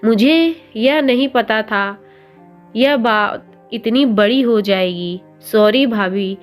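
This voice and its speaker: A teenage schoolboy pleads through sobs in a slow, choked storybook voice, read by a woman. The voice sits fairly high, with soft music playing faintly underneath. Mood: pleading. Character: tearful teenage schoolboy begging his sister-in-law.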